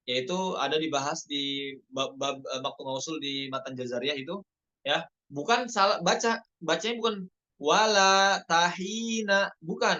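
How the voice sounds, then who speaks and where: A man teaches Quran recitation rules in an online lesson, and his voice is bright and somewhat high. He talks in an unhurried way, stretching out the recited examples after each explanation. The sound is dull and lo-fi, like call audio. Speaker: tajwid teacher.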